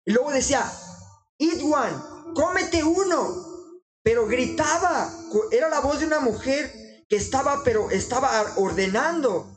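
A man preaching informally in an earnest, exhorting way, often halting and restarting his sentences. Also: extremely high pitch, soft background music, low-quality recording.

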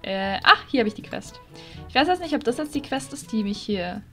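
A woman's voice: on the high side, animated, fairly quick, bright, forceful tone, faint music behind. A woman giving casual let's-play commentary as a YouTuber, chatty and giggly, tossing in English phrases as she reads quest dialogue. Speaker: YouTuber playing a horse-riding game.

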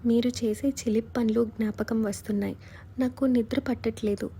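A woman in a whispered role-play, voicing a shy young woman who speaks in a soft, bashful whisper. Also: fairly high pitch, steady tone, normal speed, husky.

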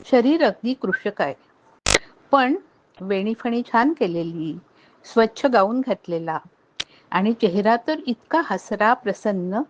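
A middle-aged woman reads a heartfelt short story at an unhurried pace, her voice sitting in a middle pitch. She is gentle and measured, lifting her voice for the lines spoken by people in the story. The recording sounds a little dull and muffled. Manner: gentle, measured, lifts voice for quoted speech. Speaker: narrator reading a story aloud. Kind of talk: expressive storytelling reading.

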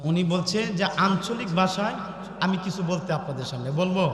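A high-pitched male preacher with a Sylheti Bengali accent delivers an emphatic, exclaiming sermon and leads the crowd in chanted refrains. His voice rings out through a large, echoing venue with a long reverb tail. Faint music sits behind him. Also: animated, brisk. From Sylhet, Bangladesh. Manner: emphatic, exclaiming, breaks into chanted sing-along lines. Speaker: Islamic preacher. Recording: echoey hall sound with faint music.

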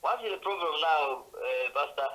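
A man calling in to a pastor on the phone, speaking hesitantly with pauses. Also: a little high, expressive, sharp tone, low-quality recording. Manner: hesitant, pausing often. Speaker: caller.

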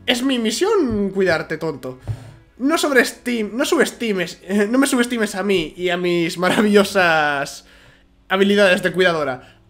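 A man's voice: high voice, expressive, a little slow, a bit bright, faint music behind. A man voicing a caring, bossy young female puppet character from a video game.

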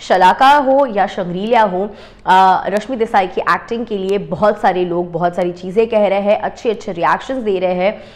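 A young woman hosts an entertainment news bulletin in a chatty, conversational way. She keeps dropping English phrases into her talk. Her pitch sits right in the middle for a woman. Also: normal speed. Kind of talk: scripted entertainment news narration.

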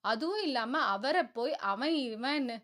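A cheerful, easygoing young man who talks in a breezy, chatty manner, as a woman narrator puts him on. The voice is bright and pitched high. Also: expressive, measured pace.

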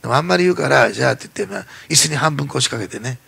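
A man preaching in a church as pastor, telling stories in an animated way and acting out the people he quotes. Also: mid-range voice, rapid-fire, gravelly, husky. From Japan. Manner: animated storytelling, acts out quoted voices. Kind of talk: sermon.

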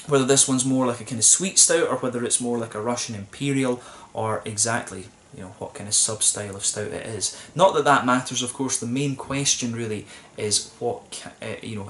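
Seated at a table indoors in a small, plain room, a young man offers a casual solo beer review to camera. His mid-range, fairly bright voice carries a little hiss or hum, and he rambles thoughtfully with many ums and restarts.

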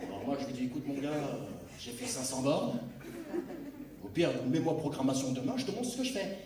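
A man with a street accent from Lyon performing stand-up, telling a story and acting out the people in it, sometimes shouting the punchlines. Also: mid-range voice, fairly quick, distant mic, a crowd in the background. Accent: Lyon street French. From France. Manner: animated, acts out characters, shouts punchlines. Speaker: stand-up comedian. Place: large theatre stage with live audience. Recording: roomy hall, mic heard from afar, audience.

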